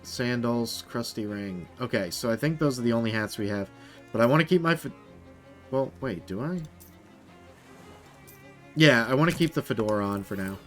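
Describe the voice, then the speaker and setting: A man's voice: mid-range voice, normal speed, pauses often, soft background music. A man chatting casually through a let's play, with rambling, self-mocking asides. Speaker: gamer.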